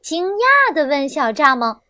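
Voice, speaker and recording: A young woman reading a children's story aloud, gentle and expressive, on a close mic. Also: high voice, unhurried, no room sound.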